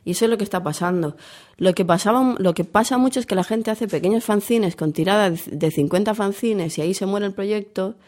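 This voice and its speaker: Hoarse woman with a cold. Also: mid-range voice, a little fast, a little mellow. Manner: candid, chatty, self-deprecating. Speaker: comics author and editor. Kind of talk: casual interview.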